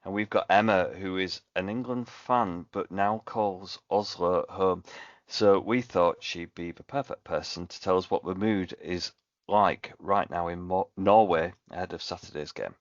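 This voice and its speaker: A man's voice: low voice, steady tone, measured pace, no room sound. A man hosting a podcast, linking segments in an upbeat presenter style. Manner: smooth presenter links, upbeat. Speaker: podcast host. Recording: dry, dull lo-fi podcast audio.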